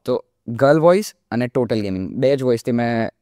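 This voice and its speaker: A man's voice: medium pitch, moderate pace, no echo, clean studio sound. A young man in his early twenties, a mimicry artist from India, talking casually as a podcast guest and sprinkling in English fillers. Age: young adult, early 20s. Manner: relaxed explaining, often drops in English fillers like "like". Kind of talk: casual interview talk.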